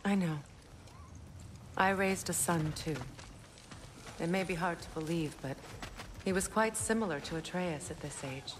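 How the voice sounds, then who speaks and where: Game role: a regal, sharp-tongued goddess, low and measured. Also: female voice, background noise. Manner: measured, storytelling, dry sarcasm. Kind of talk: video game dialogue.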